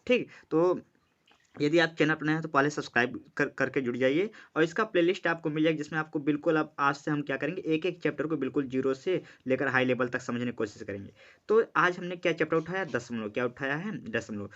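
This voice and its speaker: Bright-voiced male math teacher. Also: fairly high pitch, highs cut off. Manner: asks questions and answers them himself, repeats key words; slows down to read numbers digit by digit. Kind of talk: classroom-style math lesson.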